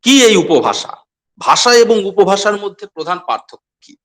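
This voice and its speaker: A man from West Bengal giving a lecture to students, repeating key phrases and speaking to them directly in a measured, explanatory way. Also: high voice, sing-song, a bit bright. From West Bengal, India. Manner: measured explanatory delivery with pauses. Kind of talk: online lecture.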